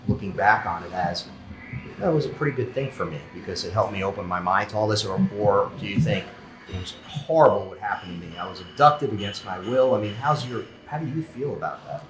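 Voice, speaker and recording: Lower-voiced male interviewer, rephrasing questions. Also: lively intonation, brisk, a bit bright, roomy sound, rough recording. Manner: searching, rephrases questions as he goes. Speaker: interviewer, podcast host. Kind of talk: conversational interview.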